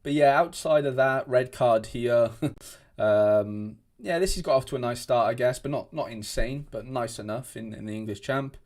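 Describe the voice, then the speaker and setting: A young Welshman streams from his desk at home, chatting casually and rambling through viewer comments with lots of restarts. His voice sits in the mid range with a darkish tone, and he talks at a normal speed with hardly any pauses.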